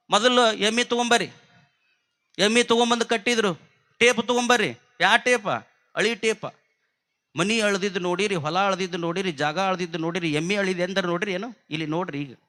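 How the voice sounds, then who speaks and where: Male preacher, North Karnataka accent, high, bright, folksy storytelling sermon. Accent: North Karnataka Kannada. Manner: lively folksy storytelling, asks the audience questions.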